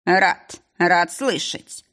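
A woman voicing a cold, scheming male duke who taunts his captives in a slow, mocking drawl. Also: fairly low pitch, fairly bright tone. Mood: smug, mocking.

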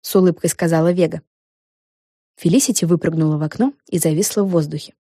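Brief: woman reading a children's audiobook, mellow and lowish, dry close sound. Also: fast, slightly rough, dry recording. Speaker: narrator.

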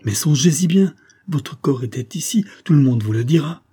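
A man's voice: a little high, expressive, moderate pace, dark tone, breathy edge, pitched above the performer's own voice. A man voicing an anxious husband who questions his wife in an insistent, probing way. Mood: urgent.

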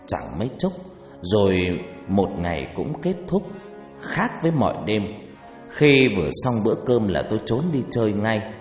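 Animated male ghost-story narrator. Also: fairly low pitch, moderate pace. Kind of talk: scripted first-person ghost story narration. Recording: echoey room with faint music.

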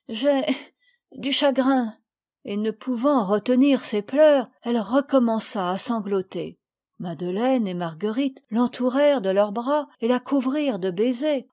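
A woman reading a classic novel aloud as scripted narration, in a measured and expressive way. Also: mid-range voice. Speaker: audiobook reader.

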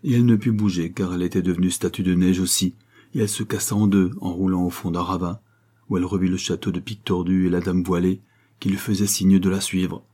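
A man calmly narrating a classic children's novel as an audiobook, in a measured way. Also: low-pitched, breathy edge.

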